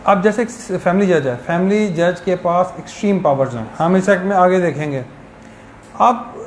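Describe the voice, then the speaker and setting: Man lecturing in an echoey hall. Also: high voice. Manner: explanatory, uses worked examples. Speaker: law lecturer. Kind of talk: classroom lecture. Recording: echoey hall with background hiss.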